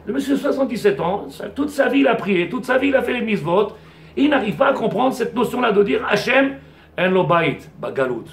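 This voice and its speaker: A man's voice: high-pitched, very animated, brisk. A man, a rabbi, giving a Torah class to a small audience, digressive, firing rhetorical questions at the class and mixing in Hebrew terms. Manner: mixes Hebrew terms into French. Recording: echoey room.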